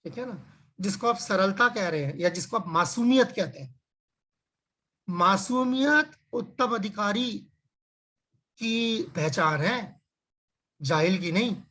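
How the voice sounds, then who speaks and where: This religious lecture comes from a man on a video call whose voice is high, animated and sharp. Explaining scripture through rhetorical questions and everyday examples, he uses lots of fillers, restarts frequently, and slows to emphasize important words.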